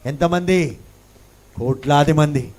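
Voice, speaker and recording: A male pastor delivers a sermon full of rhetorical questions, swinging between hushed and loud passages and mixing in English phrases. His voice is a little high, and he takes his time.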